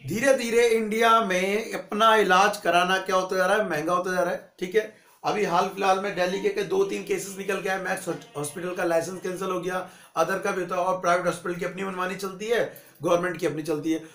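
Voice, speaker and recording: A man's voice: high voice, fairly even intonation, fairly quick, sharp tone. A male teacher giving a conversational economics lesson, asking questions and answering them himself. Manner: conversational, asks and answers his own questions. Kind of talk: classroom economics lecture. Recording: echoey room.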